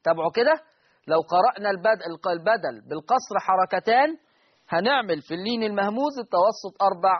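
A man's voice: high-pitched, highs cut off. A man with an Egyptian accent teaching a recitation lesson, patiently repeating key points and quizzing his students. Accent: Egyptian Arabic.

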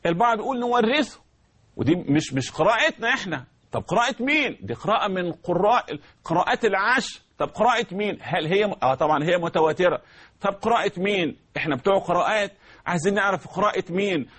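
Egyptian male tajweed teacher, high bright voice, slow, drawn-out demonstrations. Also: animated, husky. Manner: slow drawn-out recitation, repeats sounds for students to copy. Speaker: Quran recitation teacher. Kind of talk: tajweed lesson with recited verses.

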